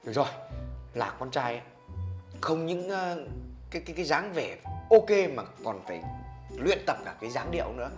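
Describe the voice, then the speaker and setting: A man playing a bossy young man who loudly coaches a friend in a comedy skit. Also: mid-range voice, brisk, soft background music, close to an everyday voice. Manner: loud, bossy, animated scolding.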